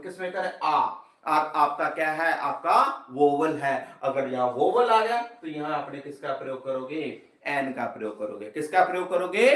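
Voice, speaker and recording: Male teacher for a live grammar class, fairly high voice, drills every point with question and answer, roomy echo. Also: a bit bright, far from the mic. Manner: asks questions and answers them himself, repeating each point. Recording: echoey room, voice from off-mic.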